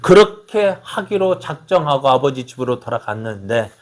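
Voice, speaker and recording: A man's voice: mid-range voice, sing-song, normal speed. A male pastor preaching a sermon, asking the congregation questions and answering them himself, and reading scripture aloud in a raised voice. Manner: acts out quoted mocking voices.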